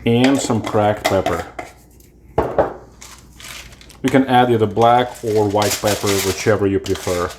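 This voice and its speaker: Low-voiced man hosting a cooking show. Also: background noise. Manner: relaxed, halting explanations with fillers. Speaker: cooking channel host. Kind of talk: home cooking tutorial. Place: home kitchen.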